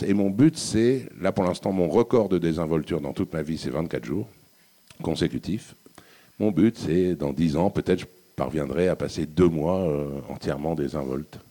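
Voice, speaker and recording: Deep-voiced author telling a story. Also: male voice, normal speed, mellow. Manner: reflective, hesitant with many restarts. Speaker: author guest. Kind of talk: storytelling at a live book talk. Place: public hall with audience.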